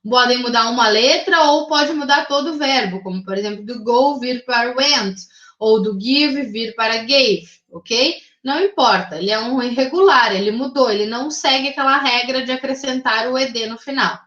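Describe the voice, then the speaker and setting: A woman's voice: fairly high pitch, normal speed, a bit bright. A woman with a Brazilian Portuguese accent explaining English grammar to her class in a patient, methodical way, often checking in with short tag questions. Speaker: English teacher. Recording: roomy, slightly dull recording.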